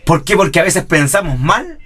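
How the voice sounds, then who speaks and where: A man's voice: sits high, very animated, normal speed, fairly bright tone, husky, faint music behind. A man preaching a sermon, who keeps asking his congregation "¿cierto?" and acts out church members. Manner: impassioned, rhetorical "¿cierto?" questions, mimics church members.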